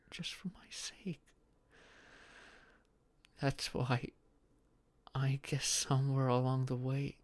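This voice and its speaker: In a romantic audio roleplay, a man with a mid-range voice plays a shy, flustered young social outcast, speaking hesitantly with stammers and sighs.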